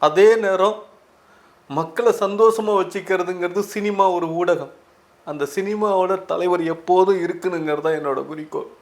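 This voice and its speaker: A man with a high-sitting voice and a moderate pace answers interview questions emotionally; he's a film director with a Tamil accent. Tearful and pleading, his voice breaks as he speaks.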